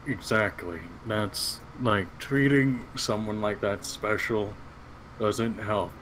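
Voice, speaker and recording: A man co-hosting a game stream in casual chat, blunt and teasing with quick asides. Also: on the low side, steady tone, fairly bright tone, slight background noise, low-quality recording.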